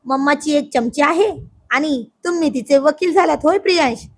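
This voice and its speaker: A proud young husband in a storybook tale, coaxing his sulking wife one moment and playing stern the next, as a woman narrator puts him on. He speaks in a high, light voice. The delivery is playful and pleading. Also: normal speed, close to an everyday voice. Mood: teasing.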